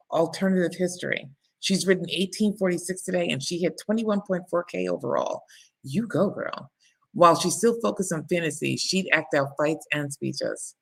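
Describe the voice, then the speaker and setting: A woman's voice: on the low side, vocal fry, breathy edge. A woman book coach hosting live writing sprints in a casual, chatty way, laughing often and reading viewer comments aloud. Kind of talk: casual live-stream chat.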